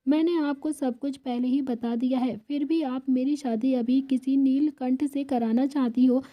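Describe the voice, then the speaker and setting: A woman's voice: high voice, normal speed, natural voice. A woman voicing an emotional young woman in a family story, pleading and tearful in turns. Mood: upset, pleading. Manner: pleading, then tearful, then excited.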